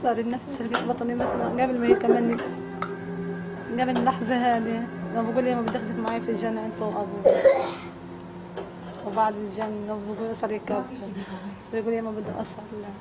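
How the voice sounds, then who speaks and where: A grieving woman gives a personal testimony, quiet and subdued, speaking very fast on an almost flat pitch. Her voice sits fairly high. Loud noise runs under the whole recording. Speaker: bereaved mother.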